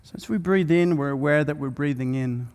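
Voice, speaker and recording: A man from Norway, opening a conference and guiding the audience through a calm breathing meditation with frequent fillers. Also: a little high. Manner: soft, slow guiding voice with many fillers. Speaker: speaker guiding a breathwork session. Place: large event hall with live audience. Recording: long hall reverb.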